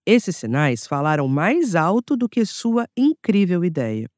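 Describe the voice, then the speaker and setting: A woman with a Brazilian Portuguese accent reading a nonfiction audiobook in a clear, measured narration. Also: lowish voice, big pitch swings, darkish tone, no room sound, studio quality. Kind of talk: scripted narration.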